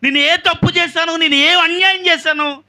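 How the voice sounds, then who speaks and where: A woman's voice: very high-pitched, fairly even intonation, normal speed, bright, forceful tone, voice pushed up, full character voice. A man voicing a grieving childless wife who pleads and wails in a sermon retelling. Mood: anguished. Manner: wailing, pleading.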